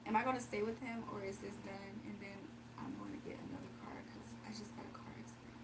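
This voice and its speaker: Doing card readings on a live stream, this woman chats with her audience, reads their comments aloud and laughs a lot. Her medium-pitched voice swings widely in pitch and moves fast, sounding a little strained after she nearly lost it, with background noise present.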